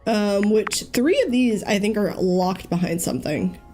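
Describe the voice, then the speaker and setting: A woman's voice: mid-range voice, measured pace, darkish tone, soft background music. A young woman giving casual let's-play commentary, chatty and thinking aloud with frequent ums. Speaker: gaming YouTuber.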